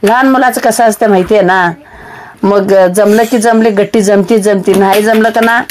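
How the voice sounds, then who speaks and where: A woman's voice: mid-range voice, steady tone, normal speed, a little hiss or hum. Chatty woman narrating a home vlog. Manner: chatty, rambling, with frequent fillers and restarts. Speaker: vlogger.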